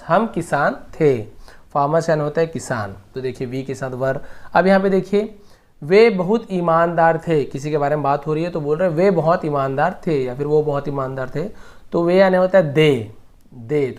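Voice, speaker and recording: A man teaching English grammar, patiently repeating each example slowly word by word. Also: fairly high pitch. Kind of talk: explaining grammar lesson.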